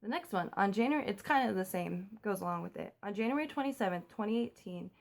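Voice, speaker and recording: A woman's voice: mid-range voice, expressive, creaky. A young woman from the US chatting in a casual home vlog, recorded on a phone while keeping her voice down at night. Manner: chatty, talks fast, keeps voice down. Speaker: vlogger.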